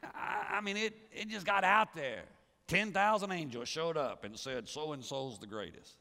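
A pastor preaching a sermon, swinging from loud rising calls to low, quiet endings. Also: male voice, unhurried. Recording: church sermon with long reverb.

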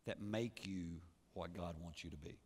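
A pastor preaching a sermon, swinging from loud rising calls to low, quiet endings. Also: male voice, normal speed. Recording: church sermon with long reverb.

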